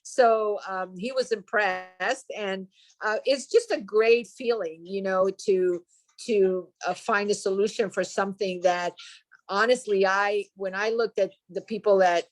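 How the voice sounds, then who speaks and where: A woman's voice: mid-range voice, fairly even intonation, unhurried. A woman who works as a dog trainer giving an earnest testimonial on a video call, with some fillers.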